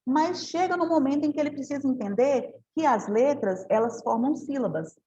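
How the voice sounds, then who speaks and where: A woman's voice: high voice, moderate pace, dark tone, muffled recording. A woman giving a teacher training talk, explaining step by step and often adding tag questions.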